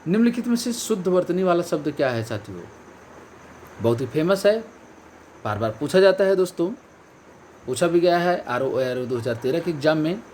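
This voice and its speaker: A male coaching teacher leads an online exam-prep lesson, stressing each key word, repeating the correct answer, and calling his viewers friends and companions. His voice is a little high with a darkish tone, over slight background noise.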